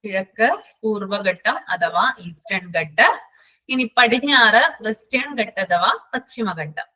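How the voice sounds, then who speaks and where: A woman teacher, running a live online class and repeating lists slowly so students can write them down. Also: medium pitch, animated, bright, forceful tone, low-quality recording.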